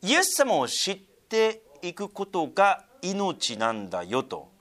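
A man's voice: sits high, wildly swooping pitch, takes it slowly, fairly bright tone. A man preaching a sermon in a conversational way, explaining scripture with casual asides and fillers. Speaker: pastor.

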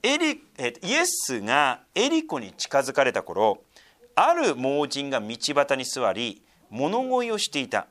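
Japanese-speaking male pastor with a lively pitch. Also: measured pace. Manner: conversational, explains scripture with asides and fillers. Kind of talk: sermon.

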